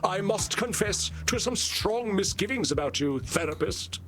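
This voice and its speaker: An actor playing a pompous, vain vampire stage actor in a video game, with slow theatrical villain menace and grandiose archaic diction. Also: male voice, sits high, expressive, a bit bright, faint music behind. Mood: wounded, condescending.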